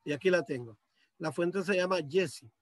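A man's voice: high voice, moderate pace, no echo. A male teacher walking students through a computer task step by step, patiently, on a video call. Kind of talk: screen-share computer lesson. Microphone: computer mic on a video call.

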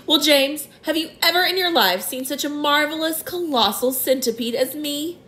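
A woman's voice: high voice, normal speed, voice pushed up. A woman voicing a boastful, cheeky male centipede in a storybook reading. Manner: loud, gleeful and boastful.

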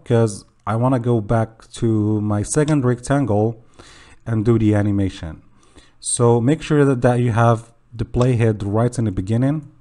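Low, dark-voiced man explaining software. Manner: casual, self-correcting, says okay often. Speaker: tutorial host. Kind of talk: software screen tutorial.

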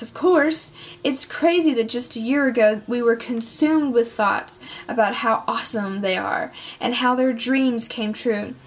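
Excitable teenage girl, passionate and gushing; a woman reads her. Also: on the high side, natural voice.

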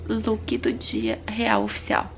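A woman's voice: mid-range voice, takes it slowly, slight background noise. A young woman, chatting animatedly to her viewers in a casual home vlog. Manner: chatty, animated storytelling, addresses viewers directly. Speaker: vlogger.

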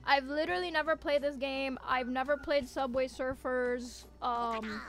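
Faint music plays behind a high-pitched woman who keeps a fairly even intonation and a measured pace. She's a VTuber game streamer, casually reacting to viewer messages with teasing, playfully theatrical flair.

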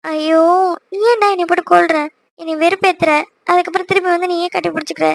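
A woman's voice: extremely high pitch, level tone, vocal fry, no echo. A woman voicing a fiery jealous young wife. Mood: emotional. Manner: scolding, quick, emotional. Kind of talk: cartoon voice acting.

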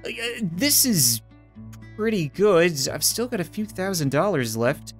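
A woman's voice: lowish voice, measured pace, soft background music. A woman hosting a gaming video, commenting animatedly and sarcastically as she plays, her voice a little strained. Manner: animated, talks to the game sarcastically. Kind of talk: let's-play commentary.

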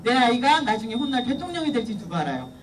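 A woman giving a lively parenting lecture in a school hall, playfully teasing the audience and leading them in clapping and cheers. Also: a little high, fast talker. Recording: distant mic, loud crowd and noise.

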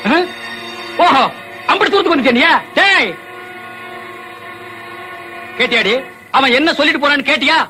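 A man's voice: very high-pitched, lively intonation, moderate pace, pauses often, sharp tone, soft background music, exaggerated voice, poor audio. An actor playing a domineering village man who scolds and threatens in a film scene. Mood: angry. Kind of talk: Tamil film acting.

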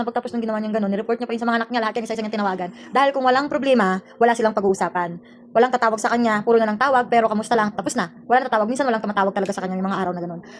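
Rapid-talking Filipina vlogger, aggrieved. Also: female voice, a little high. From Philippines. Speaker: overseas domestic worker. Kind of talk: casual storytelling vlog. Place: employer's house indoors.

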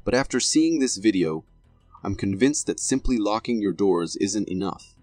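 A man narrates a video compilation from a script in a fairly low, husky voice. His delivery is formal and dramatic. The voice is recorded very dry, with faint music underneath. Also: animated, moderate pace, darkish tone, no room sound.

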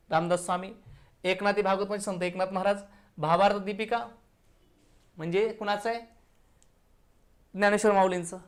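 A man teaching an exam answer walkthrough, briskly asking questions and answering them himself. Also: high-pitched.

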